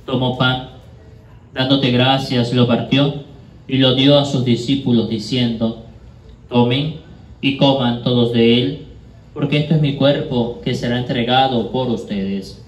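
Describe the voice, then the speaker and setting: A priest recites a liturgical prayer at Mass in a solemn, measured way, his male voice medium in pitch and steady in tone. He uses a handheld microphone in a small, bare indoor room, and the recording sounds distant and echoey with background noise.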